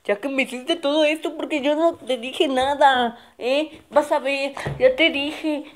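A shrill, possessive cartoon kid, done by a woman. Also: steady tone, a little slow. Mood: defiant. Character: bossy, possessive young kid.

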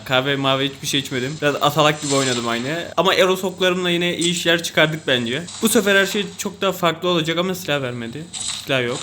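Fast-talking excitable Turkish gamer guy. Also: on the high side, slight background noise. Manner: excitable, swearing, self-mocking banter. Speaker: gaming YouTuber. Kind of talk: mobile game commentary.

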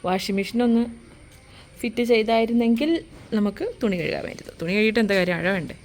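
A woman's voice: mid-range voice, fast talker, a little mellow. Woman, casual vlog chatter, coos at pets in baby talk, phone camera, noisy home recording. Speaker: vlogger.

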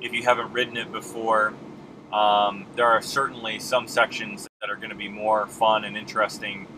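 Behind the wheel, a man in his thirties who vlogs about mountain biking talks loosely to his dash-mounted camera at a moderate pace, his voice on the low side and full of ums as he rambles. Road, engine and air-conditioner noise fill the cabin.

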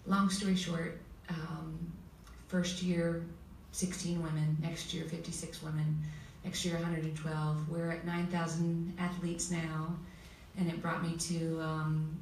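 A woman with a fairly low voice tells a heartfelt story at a panel, pausing often and getting emotional. She is heard from far off in an echoey hall, with faint noise behind. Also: little pitch movement, a little mellow. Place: school hall with audience. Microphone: table mic heard from far camera.

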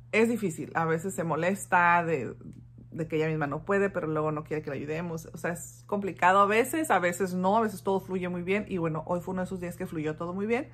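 A woman, a mother casually retelling a story to her viewers, animated and warm, acting out quoted dialogue. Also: on the low side. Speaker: mother vlogging about her daughter.

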